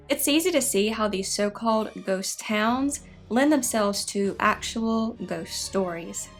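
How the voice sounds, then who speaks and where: A woman narrating scripted spooky history stories in a measured, explanatory way. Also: on the high side. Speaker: narrator of a haunted history show.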